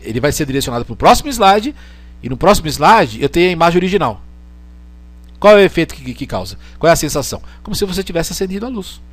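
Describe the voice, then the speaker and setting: A man's voice: fairly high pitch, dry recording. A man from Brazil giving a casual online lecture with a screen demo, chatty and joking, often checking in with the listener.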